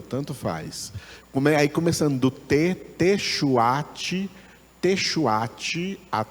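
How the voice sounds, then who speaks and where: A man with a Brazilian Portuguese accent teaching a Bible lesson, slow and deliberate, repeating words as he explains them. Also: medium pitch, a little mellow, big-room sound.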